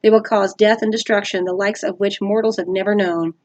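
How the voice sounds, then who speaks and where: A woman voicing a menacing male monster posing as a school official, reading a storybook aloud in a low, hushed, threatening tone. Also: fairly even intonation, fairly quick, highs cut off, natural voice. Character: menacing male vice principal monster, sinister.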